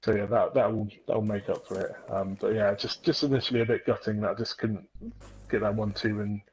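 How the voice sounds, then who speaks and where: Lowish male voice on dull audio. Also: flat delivery, fairly quick, a little mellow, slight background noise. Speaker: racing driver being interviewed. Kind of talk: casual post-race interview. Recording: dull lo-fi voice chat.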